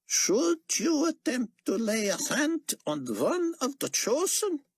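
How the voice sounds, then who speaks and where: A man doing an unyielding old prophet in an audiobook, declaiming solemnly in a voice pitched well above his own. His delivery is measured and grave, with a husky, dry sound. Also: wildly swooping pitch, dry recording, full character voice. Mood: warning. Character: stern older male prophet, solemn and unyielding.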